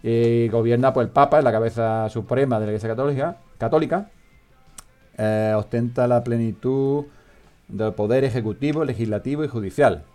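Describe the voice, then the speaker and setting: A man's voice: mid-range voice, normal speed, warm tone, soft background music. Rambling, joking man hosting. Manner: rambling, joking, trails off often. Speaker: podcast host. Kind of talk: casual comedic radio chat.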